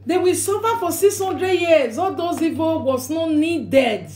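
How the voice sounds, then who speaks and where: A woman's voice: extremely high pitch, expressive, a little slow, darkish tone, echoey room, slight background noise. A woman with a Nigerian accent, talking casually and animatedly on a live video, scolding and laughing as she mixes Pidgin and Yoruba.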